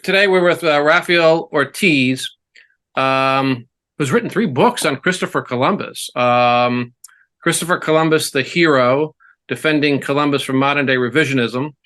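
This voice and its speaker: A man's voice: on the high side, normal speed, fairly bright tone. A middle-aged man hosting an interview, talking conversationally with plenty of fillers. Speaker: interview host.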